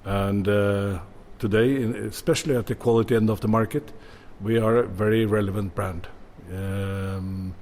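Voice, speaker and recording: A man's voice: on the low side, steady tone, moderate pace, few pauses, darkish tone, a little hiss or hum. A man in his sixties from Norway, a bodega owner answering interview questions with many fillers and restarts.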